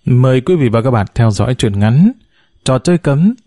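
A man narrating short stories in a measured storytelling manner. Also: dry recording, clean studio sound. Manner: measured storytelling, lively pitch. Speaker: audiobook narrator.

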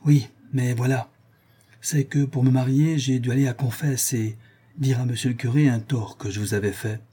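A man's voice: mid-range voice, steady tone, normal speed, mellow, breathy edge, lightly acted. A man voicing a young peasant maid who confesses and pleads through tears. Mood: embarrassed.

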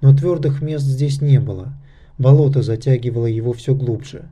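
A man reads a fantasy audiobook with steady, measured narration. His tone is deep and dark, mellow rather than bright, at an ordinary male pitch. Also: breathy edge. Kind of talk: scripted narration.

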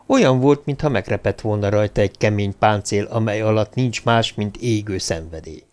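A male narrator reading a science fiction novel aloud in a measured, dramatic style. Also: fairly low pitch, a little mellow, clear, resonant tone. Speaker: audiobook narrator. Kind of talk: scripted narration.

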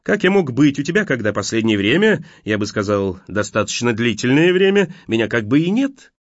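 A man's voice: medium pitch, very animated, fairly quick, no echo. A man voicing a sly, taunting dead young man who mocks a woman, on a dull, dry recording. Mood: mocking.

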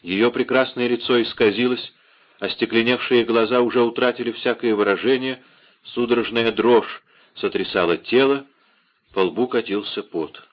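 A man narrating a classic novel as an audiobook, expressive and dramatic. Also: medium pitch, moderate pace. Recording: dull lo-fi audiobook recording.

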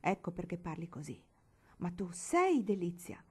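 A woman's voice: lowish voice, sing-song, moderate pace, slightly rough, full character voice. A woman reading an audiobook, voicing an unhinged, grieving older noblewoman who pleads with feverish tenderness. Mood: wounded.

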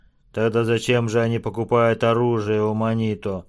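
A man's voice: on the low side, monotone, moderate pace, clear, resonant tone, close to an everyday voice. Man reading a cool, curt chief. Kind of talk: audiobook character voice.

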